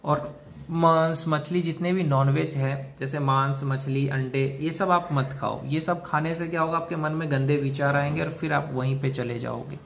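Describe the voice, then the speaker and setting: A man's voice: fairly high pitch, steady tone, moderate pace, gravelly, a bit bright, a little hiss or hum. A man giving a direct-to-camera advice monologue, lecturing in a repetitive way and talking to the listener like a brother. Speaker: self-help video host.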